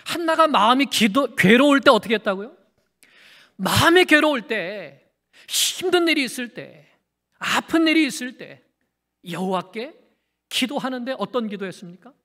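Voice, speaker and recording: A male pastor preaches with a very high, bright, ringing voice, often asking his congregation questions and repeating key phrases. His voice carries a long reverb from a large church sanctuary. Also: expressive, moderate pace. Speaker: senior pastor. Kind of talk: sermon.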